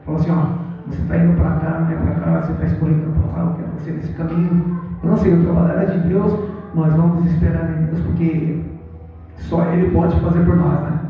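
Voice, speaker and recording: Male preacher, high voice, sermon story; distant, thin phone-like recording in a booming hall. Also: flat delivery, fairly quick, a little hiss or hum. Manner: storytelling, addresses the congregation as brothers. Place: church hall.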